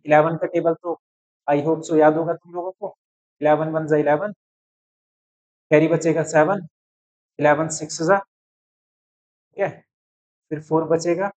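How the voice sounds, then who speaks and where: A man's voice: on the high side, poor audio. A young man teaching chemistry, working through a calculation step by step and often checking that students are following. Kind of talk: chalkboard-style math walkthrough.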